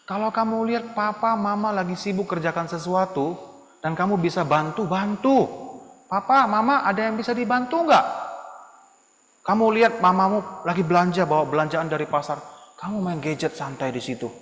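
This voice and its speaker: A man teaching Sunday school to children in a church hall, lively and acting out children's voices. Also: high voice, a little fast. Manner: animated, acts out children's voices. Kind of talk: children's sermon. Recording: echoey hall with long reverb.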